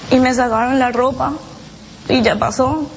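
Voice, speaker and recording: A mother recounting her child's experience in halting, emotional personal testimony, with many restarts and tag questions. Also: sits high, fairly even intonation, background noise.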